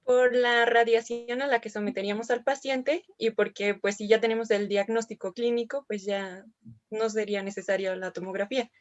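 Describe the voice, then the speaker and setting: A woman answers a question in a medical class, working through her points carefully and in order. Her voice comes through dry and dull, like low-fidelity call audio. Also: fairly even intonation, moderate pace, dry recording. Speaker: medical student.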